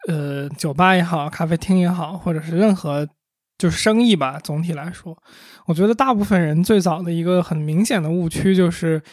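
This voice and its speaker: A man's voice: fairly high pitch, brisk, no echo, studio quality. A man co-hosting a casual conversation, reasoning through points analytically with examples. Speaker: podcast co-host.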